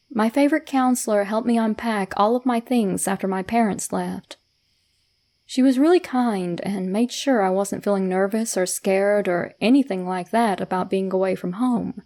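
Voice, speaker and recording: This is a woman telling a first-person horror story from a script, her voice medium in pitch. She reads in a quiet, gentle, measured way and pauses to heighten suspense.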